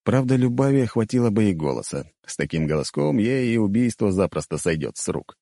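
Deep, dark-voiced male audiobook narrator. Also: very animated, fairly quick, creaky, no echo, studio quality. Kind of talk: scripted first-person fantasy narration.

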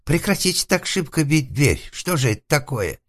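A man voicing a timid, easily frightened hermit who whines and wails in a shrill, trembling voice, in an audiobook. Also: expressive, unhurried. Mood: panicked. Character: frightened, whimpering male hermit behind a door.

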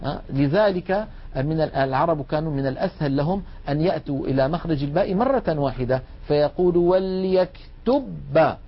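Male recitation teacher, patient explainer with a slightly raised pitch, slow drawn-out examples, dull lo-fi sound. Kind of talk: classroom lesson on recitation rules. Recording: dull lo-fi recording.

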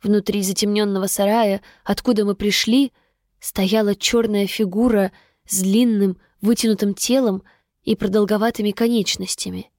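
A woman's voice: medium pitch, moderate pace, no room sound. Woman narrating a story in a dry voice. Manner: even, steady storytelling. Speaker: audiobook narrator. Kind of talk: scripted first-person narration.

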